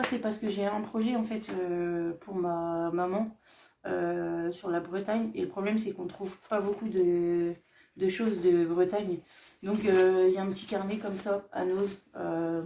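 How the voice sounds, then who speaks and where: A woman vlogger casually showing off her craft shopping haul, chatty and hesitant, often pausing on fillers as she describes each item. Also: mid-range voice, creaky, warm tone, distant mic, a little hiss or hum. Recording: echoey room, voice off-mic.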